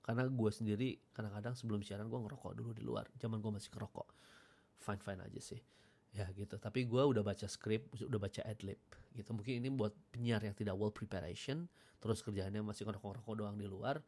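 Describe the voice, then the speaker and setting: Casual low-voiced radio man. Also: fairly even intonation, quick pace, warm tone. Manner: casual, mixes English phrases, clears throat often. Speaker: radio announcer giving tips. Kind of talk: casual Jakarta-slang talk.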